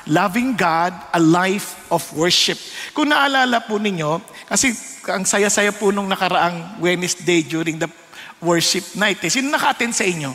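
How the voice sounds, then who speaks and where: A Filipino man delivers a sermon as pastor in a very high, bright voice. He is animated and jumps between Tagalog and English, putting on the voices of people in his stories. A long reverb trails his words through a large worship hall. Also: normal speed.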